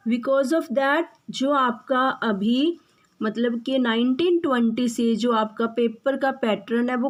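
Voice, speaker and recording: A woman teaching an accounts class, explaining slowly and repeating key terms, mixing in English phrases. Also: a little high. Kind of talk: classroom lecture.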